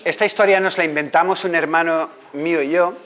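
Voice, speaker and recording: A filmmaker from Ceuta telling a comic story to a live audience, acting out the characters and teasing the listeners. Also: male voice, a little high, brisk. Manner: animated, acts out characters, teasing. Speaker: filmmaker and screenwriting teacher.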